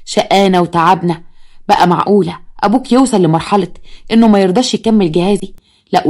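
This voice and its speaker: A woman's voice: mid-range voice, a little mellow, lightly acted. A bitter young sister , voiced by a woman storyteller, sneers in an Egyptian accent. Her sarcasm pours out at a breakneck pace. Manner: sarcastic and spiteful.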